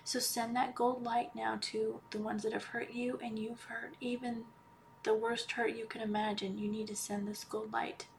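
A woman leads a guided healing meditation in a soft, hushed voice, close to the ear and often near a whisper. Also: a little high, level tone, normal speed, gravelly, slight background noise, low-quality recording. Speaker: podcast host and healer leading a guided meditation.

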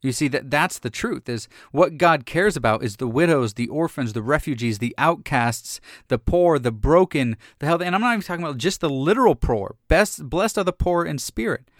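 A pastor in his thirties gives a casual faith talk in an earnest, animated way, often restarting his sentences. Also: fairly high pitch, brisk, few pauses, dry recording, clean studio sound.

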